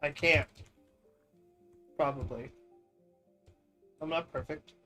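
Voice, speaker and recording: A man's voice: fairly high pitch, steady tone, takes it slowly, sharp tone, faint music behind. A young man playing a block-building game and chatting casually, rambling and incredulous as he teases his chat. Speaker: gaming streamer. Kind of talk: casual gaming commentary.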